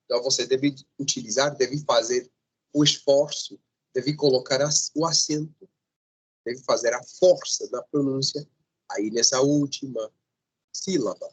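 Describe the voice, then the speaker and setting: A man with a medium-pitched, husky voice lectures a Portuguese class, correcting students' mistakes slowly and deliberately. He checks in often with "sim?".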